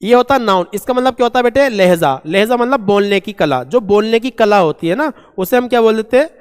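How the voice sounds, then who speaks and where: A man teaching a vocabulary lesson, asking and answering his own questions and reading English examples out slowly. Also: high-pitched, lively intonation, clear, resonant tone. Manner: asks and answers his own questions, calls students "beta". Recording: long echoing reverb.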